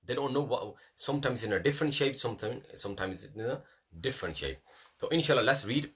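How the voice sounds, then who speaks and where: Husky, bright-toned male Qur'an teacher. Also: mid-range voice, animated, quick pace. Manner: repetitive, drills letters aloud, mixes in Urdu phrases. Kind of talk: classroom lesson.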